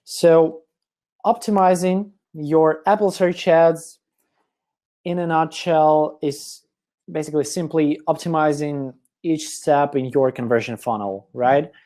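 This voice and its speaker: Man presenting a webinar, voice going hoarse. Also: a little high, fairly even intonation, slow, warm tone. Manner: explanatory, step-by-step, with frequent fillers and throat clearing. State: voice getting hoarse. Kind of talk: online conference presentation.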